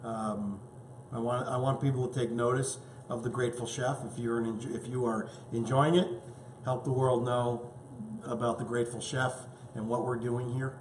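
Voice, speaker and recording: A man's voice: mid-range voice, little pitch movement, moderate pace, few pauses, roomy sound, a little hiss or hum. A man hosting a casual home cooking show, chatting eagerly as he tastes his dish. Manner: enthusiastic, chatty, tasting food as he talks.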